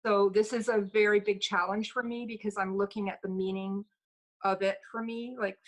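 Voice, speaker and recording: Casual female participant, missing front teeth, hesitant and reflective delivery, mid pitch. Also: level tone, moderate pace, rough recording. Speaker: event participant. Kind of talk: casual questions and sharing.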